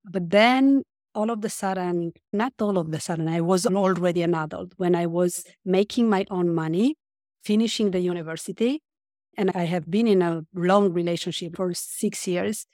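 A life coach with a Romanian accent speaks earnestly as a guest on a podcast, often pausing to find her words in casual interview talk. Her voice sits on the low side, a little mellow, at a moderate pace. The studio recording is clean, with no room sound.

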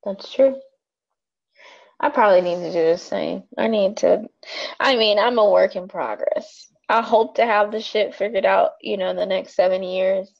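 A woman in her thirties talks through a casual podcast chat, frank and rambling and quick to swear. Her pitch sits in an ordinary middle range. The recording sounds somewhat dull and lo-fi. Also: creaky. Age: 30s. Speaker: podcast co-host.

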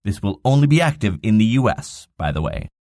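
A man's voice: lowish voice, sing-song, a little fast, a little mellow. A man hosting a daily digital marketing news podcast, reading the stories with wry, dry asides. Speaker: podcast host.

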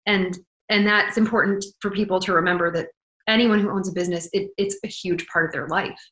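A woman's voice: medium pitch, steady tone, brisk, a bit bright. Woman talking startup jargon, roomy echo. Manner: candid tech-founder talk full of startup jargon. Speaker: startup founder and CEO being interviewed. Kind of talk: conversational interview. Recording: roomy, echoing sound.

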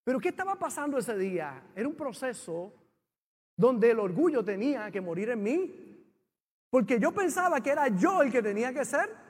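A pastor preaching with a very high voice, his words ringing through a reverberant church hall. He tells his story with great feeling, jumping from loud cries to hushed lines. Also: big pitch swings, moderate pace, slightly rough. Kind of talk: sermon.

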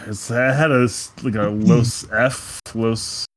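A man's voice: mid-range voice, steady tone, slow pace, no echo. A young man co-hosting a podcast, joking around and laughing often in a casual, profane movie chat. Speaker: podcast co-host.

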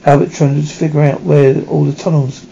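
A man's voice: on the high side, little pitch movement, normal speed, gravelly, warm tone, lo-fi sound, a little hiss or hum. A man playing a sly German prisoner of war plotting an escape, confiding and conspiratorial.

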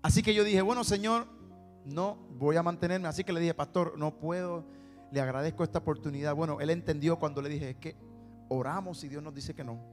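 High-voiced Puerto Rican preacher in a hall. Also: male voice, brisk. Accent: Puerto Rican Spanish. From Puerto Rico. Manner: storytelling, acts out dialogue, repeats words for emphasis. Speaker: preacher and singer. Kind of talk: sermon with personal testimony. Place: church sanctuary. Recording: long hall reverb with faint music.

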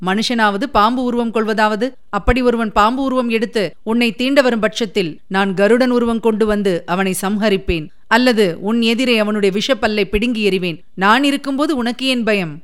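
A woman reading the part of a young prince who speaks calmly and reassuringly to his beloved. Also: on the high side, moderate pace, few pauses, smooth, close to an everyday voice. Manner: calm, reassuring.

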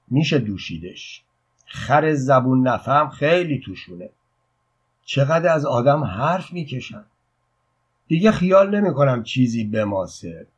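Man putting on a crafty beggar preacher, husky, pleading, scheming, muffled recording. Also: medium pitch. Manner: chanting, then pleading and brash.

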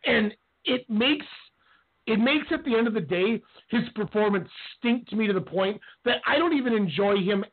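Over tinny phone-line audio from a call-in radio line, a wrestling podcast co-host rants in heated, casual conversation. His voice is high, creaky, and husky.

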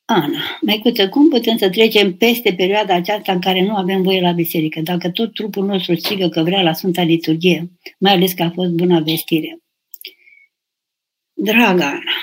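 A woman's voice: a little high, breathy edge. An older woman, an abbess, reading out viewers' questions and answering them in an urging, emphatic way on a live stream. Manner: reads questions aloud then answers, urging and emphatic, bursts of raised voice.

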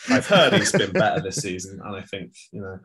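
A man's voice: deep voice, big pitch swings, fairly quick, crowd noise. A man co-hosting a podcast, chatting casually about football, rambling with lots of restarts and fillers. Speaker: podcast co-host.

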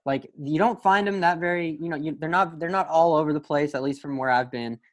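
语调偏高的男声，夸张吐槽. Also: male voice, fairly high pitch, brisk. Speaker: podcast co-host. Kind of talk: casual podcast chat.

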